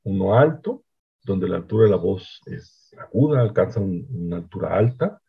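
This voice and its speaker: A man giving a measured academic lecture, often checking in with his listeners. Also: deep voice, lively intonation, creaky, husky. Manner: explanatory, measured, frequent "¿no?" checks. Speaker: linguistics researcher giving a lecture. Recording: dull lo-fi online talk audio.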